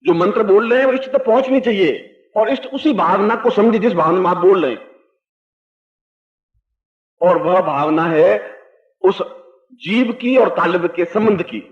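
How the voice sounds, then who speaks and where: An older man giving a spiritual discourse, explaining slowly and emphatically and chanting Sanskrit verses, recorded in a dull, echoey old hall. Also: high voice. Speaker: spiritual teacher.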